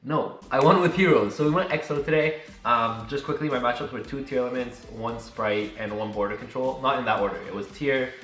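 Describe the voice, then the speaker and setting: A man excitedly explaining a card deck in casual chat, with echoey basement reverb on his voice. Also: mid-range voice, brisk, few pauses. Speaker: guest card player. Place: home basement, indoors. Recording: roomy basement echo.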